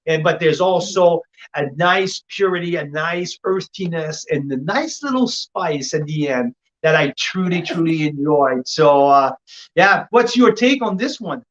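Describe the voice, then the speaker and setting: A man's voice: on the high side, lively intonation, measured pace. A man hosting a casual wine tasting and reviewing wines like a sommelier. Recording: dull, lo-fi audio.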